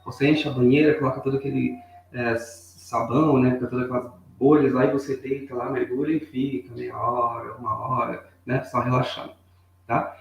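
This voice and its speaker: A man's voice: medium pitch, level tone, moderate pace, creaky, lo-fi sound. A man with a Brazilian Portuguese accent teaching an English lesson, patiently drilling pronunciation and checking in with his students after each point. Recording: very echoey room.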